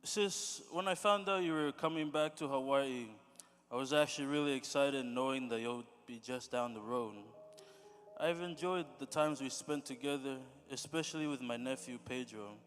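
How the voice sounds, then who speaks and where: A young man giving a graduation tribute, tearful and halting, often clearing his throat as he speaks. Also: medium pitch, a bit bright. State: tearful, choking up. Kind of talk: emotional spoken tribute at a ceremony. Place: large church sanctuary. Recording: reverberant hall with faint music.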